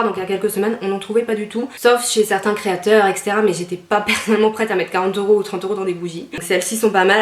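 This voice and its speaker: Young woman, rapid chatty haul talk, enthusiastic, roomy echoey sound. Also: medium pitch, slight background noise. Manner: chatty, enthusiastic, rambling with fillers. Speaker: fashion and lifestyle YouTuber. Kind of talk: casual shopping haul vlog.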